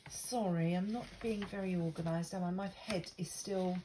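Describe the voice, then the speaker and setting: With a fairly low pitch, fairly even intonation and a normal speaking speed, an older woman chats through a casual crafting tutorial. She sounds stuffy and congested from a lingering cold, rambling and putting herself down. It's recorded indoors by an overhead camera above her craft mat, with background noise.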